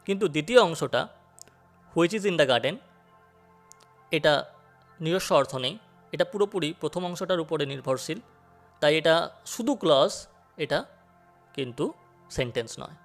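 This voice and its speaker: Man teaching a grammar lesson over music. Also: fairly high pitch. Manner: speaks slowly and deliberately, repeating key points; addresses students directly, asks them questions. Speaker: English teacher.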